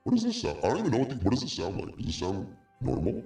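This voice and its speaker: A male streamer talking through a deep voice changer, with slow, drawn-out, goofy lines while testing it on stream. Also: huge pitch swings, vocal fry, warm tone, reverberant, faint music behind.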